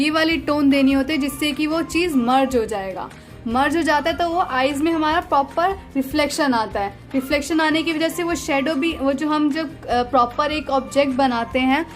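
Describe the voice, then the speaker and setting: A woman, explaining a pencil shading lesson step by step as an art teacher. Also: high voice. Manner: explains step by step with repeated "dekhiye" and "theek hai". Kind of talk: drawing lesson narration.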